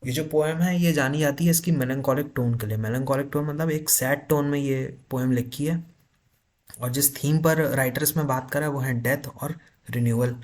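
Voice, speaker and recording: A man teaching literature for an exam, explaining in Hindi with terms and reading notes slowly. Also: medium pitch, steady tone, darkish tone. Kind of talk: exam-prep lecture.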